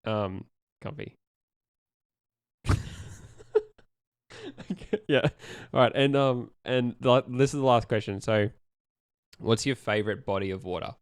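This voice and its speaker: A young man, talking in a rambling, easygoing way full of ums and restarts. His voice sits low and comes through smooth and clear. The sound is close and dry, with no room around it. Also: moderate pace, dry recording. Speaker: podcast co-host asking questions. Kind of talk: casual chat.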